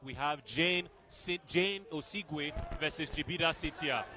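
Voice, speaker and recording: A man's voice: fairly high pitch, a little slow, sharp tone. A man giving live fight commentary as play-by-play, with formal, emphatic phrasing.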